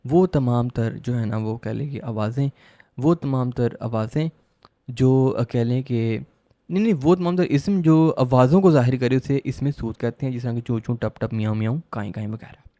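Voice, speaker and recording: A man with a mid-range, dark-toned voice teaches a grammar lecture for a law admission test, posing questions and answering them himself. He repeats each definition slowly, and the recording has no echo.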